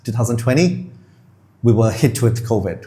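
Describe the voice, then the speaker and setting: A man's voice: medium pitch, expressive, brisk, dark tone. A man answering interview questions about running his education business, reflective and earnest, firm when he disagrees. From Bangladesh. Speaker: education entrepreneur guest.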